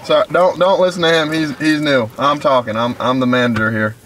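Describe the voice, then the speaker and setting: A man's voice: on the high side, steady tone, fairly quick, a bit bright, close to an everyday voice. A young man playing an impatient, rude drive-thru worker, taking orders in a curt, exasperated way. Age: young adult. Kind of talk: prank headset act. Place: inside a parked car at night. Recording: noisy car interior.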